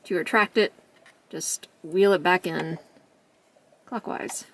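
A woman's voice: lowish voice, takes it slowly, fairly bright tone, far from the mic. Jokey woman reviewing toys. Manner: chatty and jokey, laughs often. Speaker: toy reviewer. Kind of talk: casual toy review.

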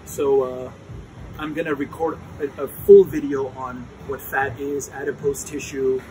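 A man's voice: medium pitch, little pitch movement, unhurried, mellow, low-quality recording. A man in his thirties explains things casually and emphatically for a vlog while sitting in ice cold water outdoors, starting to shiver. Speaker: health vlogger. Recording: clear outdoor ambient noise.

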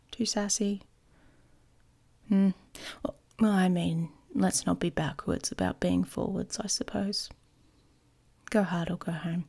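In an intimate ASMR romance roleplay, a woman plays a smug, playful young werewolf pack leader, teasing and often dropping into a breathy whisper. Her voice is mid-range and darkish.

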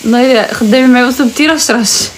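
A young Moroccan woman with a Moroccan accent, chatting casually and teasingly on a live stream, now and then calling out loudly to her mother. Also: fairly high pitch, racing, a little hiss or hum.

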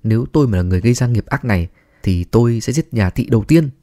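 Cool, defiant young woman in a storybook, read by a man; steady, pointed, dark tone. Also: fairly low pitch, moderate pace, husky. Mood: calm, pointed.

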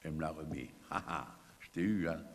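Defiant scheming baby boy, put on by a man, gleeful bragging, very deep voice, long hall echo. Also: brisk. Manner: gleeful first-person storytelling, mock triumphant. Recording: long hall reverb, faint background noise.

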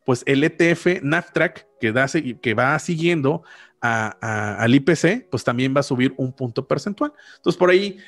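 With a mid-range, expressive voice at a moderate pace, a Mexican-accented man in his thirties casually explains finance as a podcast host. He often corrects himself mid-thought, speaking close to a large studio microphone mounted on a boom arm.

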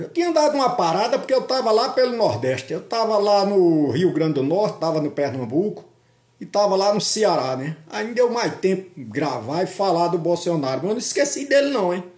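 An older man from Northeast Brazil films a casual political commentary vlog on a phone camera held at arm's length while outdoors on a tree-lined park road. Chatty and mocking, he tags his sentences with questions, his high, darkish voice swinging widely in pitch at a moderate pace, with a reverberant sound.

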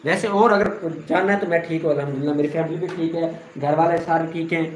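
A man's voice: a little high, fairly even intonation, quick pace, reverberant, slight background noise. A man from Sindh, Pakistan, hosting a casual live stream, greeting viewers by name and teasing them affectionately. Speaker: live-stream host reading viewer comments.

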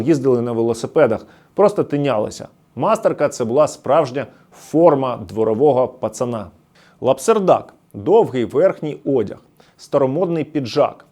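A man narrates a scripted documentary feature in a nostalgic storytelling way, his pitch rising and falling with a lot of life. He goes through words one at a time, giving each one a short explanation, at a middling pitch. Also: darkish tone. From Luhansk region, Ukraine.

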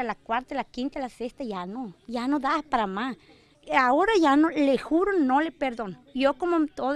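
A woman giving a halting, emotional news testimony at her home. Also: sits high. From Argentina. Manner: halting, emotional retelling with restarts. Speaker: interviewee, assault victim.

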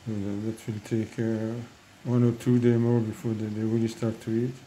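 A man's voice: on the low side, completely flat delivery, moderate pace, mellow, slight background noise, low-quality recording. A man with a French accent talking casually about his fish breeding, hesitant and full of fillers and restarts. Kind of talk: casual hobby vlog.

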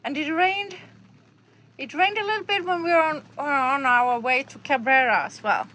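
A middle-aged woman casually narrating her sailing vlog aboard a boat, relaxed and chatty, with frequent restarts and fillers. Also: high-pitched, normal speed, rough recording. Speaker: sailing vlogger. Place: on a sailboat at sea. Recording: music playing under the voice.

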